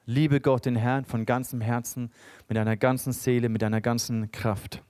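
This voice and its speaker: A man's voice: medium pitch, darkish tone, no echo. A young man preaching a sermon, earnest, reading scripture aloud and building in emphasis.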